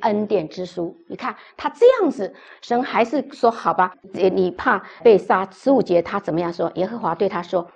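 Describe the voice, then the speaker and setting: Gravelly husky woman pastor preaching. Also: mid-range voice, normal speed, few pauses, a little mellow, lo-fi sound. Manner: emphatic storytelling with repeated phrases. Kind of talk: sermon.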